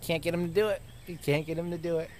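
A man's voice: fairly high pitch, fairly even intonation, quick pace, darkish tone, rough recording. A young man, a comedian, chatting casually to a phone held at arm's length. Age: young adult. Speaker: stand-up comedian, vlogger. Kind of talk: casual vlog chat. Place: outdoors and in a car. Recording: background noise on handheld phone.

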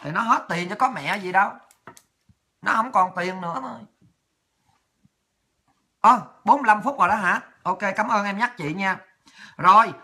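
Lady ranting on her politics show, super sharp forceful voice, crude and combative. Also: mid-range voice. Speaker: host of a political commentary show.

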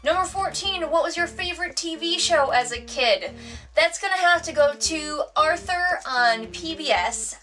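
A woman in her thirties from the United States, with a Wisconsin accent, vlogs from a home room lined with bookshelves, reading tag questions aloud and answering them with dry humor. Her voice sits high and sounds expressive, pushed and bright at a normal speed. A distant camera mic picks her up over soft background music.

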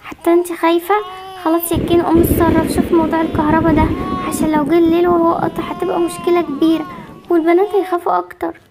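A woman's voice: extremely high pitch, level tone, racing, background noise. A woman voicing Barbie, an anxious, protective young mother with an Egyptian accent, fretful and soothing in an amateur game movie. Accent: Egyptian Arabic.

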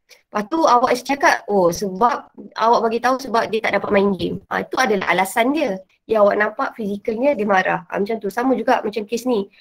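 Speaking a little fast, with a medium-pitched voice and vocal fry, a Malaysian Malay-accented woman teacher runs a relaxed revision lesson. She uses lots of fillers and slips English words into her speech.

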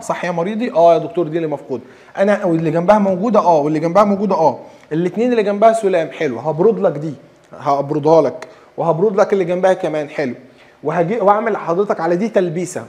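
Fast, high-pitched Egyptian lecturer. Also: male voice, mellow. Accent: Egyptian Arabic. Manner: acts out patient questions, mixes English terms. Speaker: dentistry lecturer. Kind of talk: lively classroom lecture.

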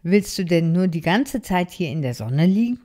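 A woman's voice: on the low side, very animated, normal speed, dark tone. Woman voicing a friendly beach turtle. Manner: friendly, encouraging. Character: friendly cheerful female turtle, dance teacher.

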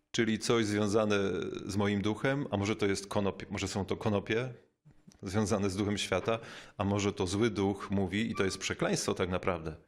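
A man with a fairly low voice gives a reflective spiritual talk. He is thoughtful and unhurried, pausing often and dropping in small fillers, and slows down to stress the key words. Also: fairly bright tone. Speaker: bishop giving a spiritual talk. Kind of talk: reflective spoken teaching.

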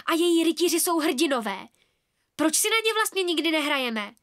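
A woman reading an audiobook and voicing an excitable small boy who speaks in an agitated, eager way. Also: sits high, voice pushed up. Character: small boy Rubík, excitable, wants to be strong.

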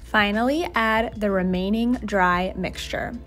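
In her home kitchen, a young woman vlogs her cooking with chatty, self-mocking narration while light music plays. Her medium-pitched voice keeps a measured pace.

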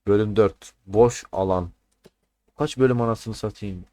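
A man's voice: on the low side, unhurried, warm tone. A man reacting to a horror game as he plays, swearing and joking crudely, with game music behind him. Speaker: gamer. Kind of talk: horror game let's play commentary.

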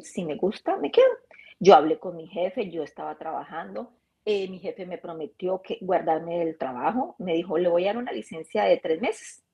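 Woman guest chatting, warm mellow voice, acts out all the dialogue in her stories. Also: on the low side, husky, highs cut off. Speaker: interview guest. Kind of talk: casual storytelling.

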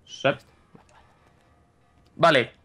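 A young man, guiding his friend through a game in casual chat. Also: very slow. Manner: coaching, relaxed, laughs, yelps when hit. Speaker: co-op gaming partner.

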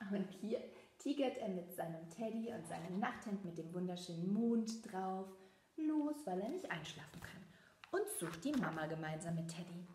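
A woman reading a picture book aloud to children, lively and chatty, showing them the pictures. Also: fairly low pitch, echoey room, a little hiss or hum. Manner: lively, talks directly to children. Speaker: storybook reader.

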